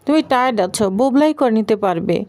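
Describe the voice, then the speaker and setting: A woman's voice: a little high, lively intonation, quick pace, a little mellow, no room sound, natural voice. A woman voicing a jealous young wife who speaks in a curt, cutting way, in a retold serial story. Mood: bitter.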